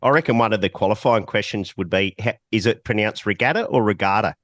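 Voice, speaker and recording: Male co-host, low voice, dry wisecracks, chuckles, dead dry sound. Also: fairly quick, fairly bright tone, no room sound. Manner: dry quips, chuckling asides. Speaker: podcast co-host. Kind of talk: casual chat.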